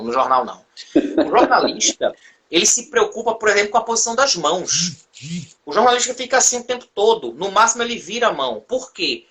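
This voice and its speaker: Lively, bright-voiced teacher. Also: male voice. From Brazil. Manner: relaxed storytelling, lively pitch. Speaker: history teacher. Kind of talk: casual conversation over beer.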